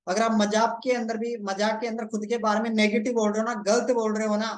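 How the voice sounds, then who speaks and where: A man's voice: high voice, level tone. Male coach teaching an online class, repeats points, keeps checking his listeners follow. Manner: repeats phrases, explains slowly step by step. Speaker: motivational coach. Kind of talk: live online training lesson.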